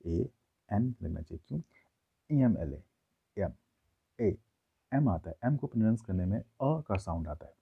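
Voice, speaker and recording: A man teaching a classroom grammar lesson, explaining slowly and checking in with his listeners often. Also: lowish voice, very animated, creaky, breathy edge. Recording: tinny phone-like audio.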